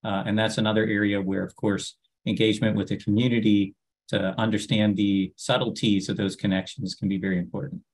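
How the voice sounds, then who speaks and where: Low-pitched guy on a video call panel, formal and measured, lots of uhs. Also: flat delivery. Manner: measured, many "uh" fillers. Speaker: agency official panelist. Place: home office, virtual green backdrop.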